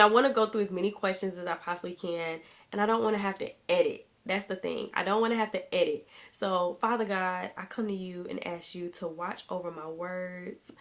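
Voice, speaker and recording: A creaky, fairly low voice belongs to a woman of thirty vlogging in a chatty, casual style and greeting viewers as "y'all." Her throat is somewhat sore since she's still recovering from an illness.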